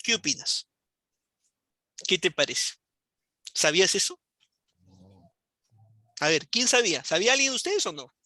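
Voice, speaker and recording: A male history teacher lectures a class over a computer mic. His voice is bright and forceful and sits close and dry in the recording. He keeps firing off rhetorical questions and answers them himself. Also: high-pitched, unhurried, pauses often, dry recording. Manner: animated, keeps asking rhetorical questions and acting out students' questions.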